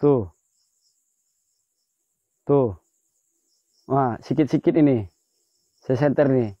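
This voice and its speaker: A man's voice: mid-range voice, extremely slow, no echo. A man hunting ghosts in a cemetery at night, exclaiming as he points things out, recorded on a phone. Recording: slightly dull lo-fi phone audio.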